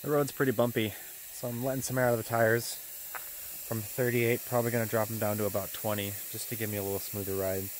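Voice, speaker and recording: A man's voice: on the low side, level tone, quick pace, a little hiss or hum. Man vlogging outdoors on his phone. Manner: short, matter-of-fact remarks. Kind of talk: casual vlog narration to camera. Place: outdoors on a snowy mountain ridge. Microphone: handheld phone.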